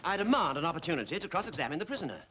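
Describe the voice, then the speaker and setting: A quick sarcastic naval prosecutor. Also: male voice, a little high, big pitch swings, pushed and bright, full character voice. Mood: quarrelsome. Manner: sarcastic, quarrelsome. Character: officious, combative male naval prosecutor. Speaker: prosecuting officer.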